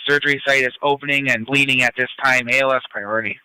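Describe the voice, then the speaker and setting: A man's voice: mid-range voice, steady tone, fast talker, bright, forceful tone, smooth, dry recording, low-quality recording. A man speaking police and fire radio traffic over a two-way radio, in clipped procedural phrases. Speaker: emergency services radio operator.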